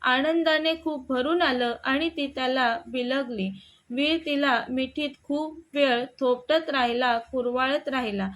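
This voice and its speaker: A woman narrating a romantic short story in a slow, gentle reading voice. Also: high voice.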